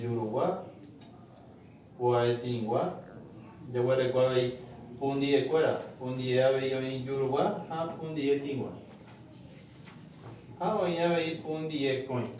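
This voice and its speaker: A man leads a classroom language lesson at a slow, deliberate pace, drilling words aloud for his students. He is heard from far off in a very echoey room, with faint noise behind him. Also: mid-range voice, steady tone, a little mellow.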